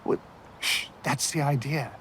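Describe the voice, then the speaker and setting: A man's voice: fairly high pitch, steady tone, unhurried, a bit bright, in a whisper. An actor playing a flippant, eccentric male time traveller in an audio drama, breezy and offhand.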